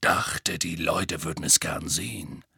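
A man voicing a gruff, grizzled old male wizard who growls low and gravelly. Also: steady tone, measured pace, pushed and bright, no echo, clean studio sound, exaggerated voice. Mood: growling.

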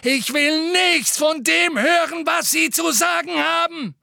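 A man voicing a furious, grieving teenage boy wizard who shouts in an audiobook reading. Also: very high voice, slow pace, vocal fry, no echo, studio quality, soft background music, voice pushed up, heavily acted. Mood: shouting.

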